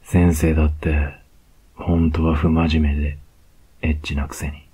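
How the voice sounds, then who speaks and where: A man with a Kansai accent playing a cocky young male student who teases his teacher, in a whispered role-play with a slow, close murmur. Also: rumbling low, little pitch movement, breathy edge, full character voice. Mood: teasing. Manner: slow, close, teasing murmur with soft laughs.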